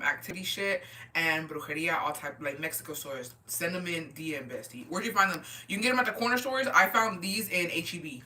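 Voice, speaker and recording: She's a woman in her 20s, a bit tipsy, running a casual livestream and responding to comments with slang, swearing, and Spanish words. Her pitch is fairly low and her tone pushed and bright. She's far from the mic, with slight background noise.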